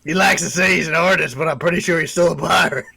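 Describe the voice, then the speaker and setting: Bright-voiced man with a gravelly edge. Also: fairly high pitch, fast talker. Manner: laughs often, jokey. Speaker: co-host of a livestream. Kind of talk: casual joking chat.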